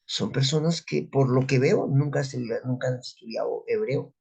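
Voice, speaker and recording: A man's voice: mid-range voice, moderate pace, vocal fry, a little mellow, slightly rough. A man giving an unscripted Bible teaching, asking rhetorical questions and answering them himself. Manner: spoken, unscripted, with restarts. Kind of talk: religious teaching talk.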